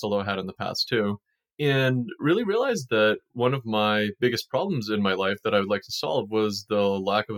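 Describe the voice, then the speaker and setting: A young man, a startup founder from Ukraine raised in the US, calmly telling his story in an interview. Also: on the low side. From Ukraine, raised in Kansas and Massachusetts. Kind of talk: casual interview answers.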